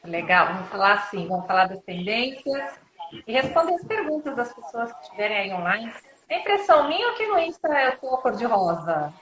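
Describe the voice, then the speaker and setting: A woman's voice: a little high, a little fast, roomy sound, low-quality recording. A woman from Brazil, a travel journalist, chatting casually as a guest on a live stream from her phone. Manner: chatty and lively, addresses followers.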